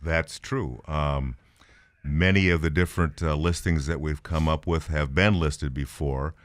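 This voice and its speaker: Male studio guest, extremely deep voice, halting, modest, dry sound. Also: steady tone, no echo. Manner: halting, modest, many fillers. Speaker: real estate agent, guest. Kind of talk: radio interview. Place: radio studio.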